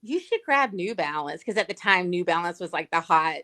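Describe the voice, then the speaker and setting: A woman's voice: on the low side, expressive, fairly quick, bright, forceful tone. A woman with a Southern US accent, telling a chatty story as a guest on a livestream. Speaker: paralegal and sweepstakes guest. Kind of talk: casual storytelling chat. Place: livestream video call.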